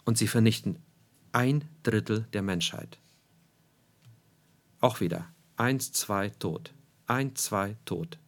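A man's voice: fairly low pitch, takes it slowly, pauses often. A man preaching a sermon, emphatic, repeating key phrases for weight and asking his listeners rhetorical questions.

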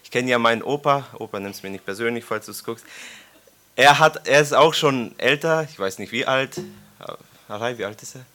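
A man in his thirties gives an informal sermon to his congregation. He reads the Bible passages aloud with weight and keeps the listeners involved with playful questions. His voice is bright and clear, at a mid-range pitch. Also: normal speed. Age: 30s. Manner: joking, engages the congregation with questions. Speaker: preacher leading a Bible study. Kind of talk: informal sermon with scripture reading. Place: church congregation gathering.

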